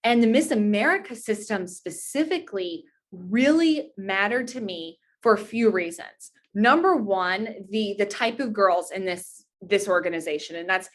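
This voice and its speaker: A woman in her twenties, appearing as an interview guest and a pageant titleholder, speaks earnestly and at length. Her medium-pitched voice is expressive, moving at a normal speed with few pauses. She tells her story in a conversational, anecdotal way.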